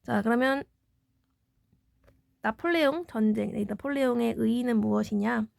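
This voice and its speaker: Gravelly-voiced woman teaching history. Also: a little high, moderate pace, a little mellow, no room sound, clean studio sound. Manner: explanatory, poses questions then answers them. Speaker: middle school history teacher. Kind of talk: exam review lecture.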